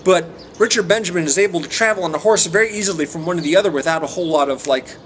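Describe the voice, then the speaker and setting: Amateur male movie reviewer, fairly high voice, hesitant and meandering, casual off-the-cuff delivery, some noise on the recording. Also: very fast, a bit bright. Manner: hesitant, meandering, often trailing off. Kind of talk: casual rambling film review. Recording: noticeable background noise.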